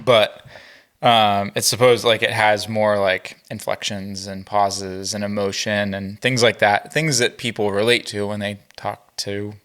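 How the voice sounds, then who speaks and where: A man's voice: fairly low pitch, level tone, measured pace, fairly bright tone, smooth. A man co-hosting a podcast in casual chat, rambling a bit with many "um"s and "like"s. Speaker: podcast co-host.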